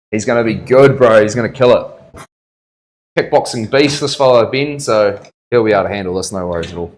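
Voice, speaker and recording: A man's voice: on the low side, normal speed, pauses often, a little hiss or hum. A man with a broad New Zealand accent chatting casually as the host of a tattoo livestream, in a laid-back, slangy, matey way. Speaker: tattoo artist hosting a livestream.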